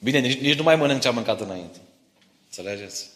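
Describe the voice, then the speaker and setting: A man's voice: mid-range voice, expressive, fairly bright tone. A middle-aged man preaching a sermon in church. He tells stories from his family and explains Bible verses, often asking the congregation whether they follow him. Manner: personal stories mixed with Bible teaching, asks listeners for agreement. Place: church hall. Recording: echoey church hall.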